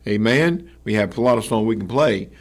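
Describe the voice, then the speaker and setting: A man, hosting a church radio broadcast and giving announcements in a folksy, halting way with many fillers and amens. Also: lowish voice, lively intonation. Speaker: radio host and church pastor.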